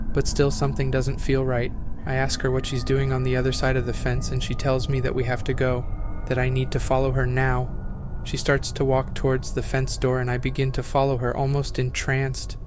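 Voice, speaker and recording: A man reading first-person horror stories aloud as scripted narration, in a flat, even reading. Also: mid-range voice, background noise.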